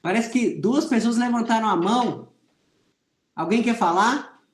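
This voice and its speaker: Earnest high-voiced Brazilian man teaching. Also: unhurried, roomy sound, slight background noise. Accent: Brazilian Portuguese. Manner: earnest, speaks to viewers as "irmãos". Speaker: religious teacher. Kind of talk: online Bible class with personal testimony.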